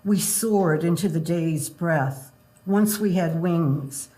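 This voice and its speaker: An older woman in her seventies reading poems at an open mic, with halting, measured introductions and delivery. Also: on the low side, mellow, low-quality recording. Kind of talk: poetry reading with short introductions. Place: indoor room at a live open mic event. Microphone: gooseneck podium microphone.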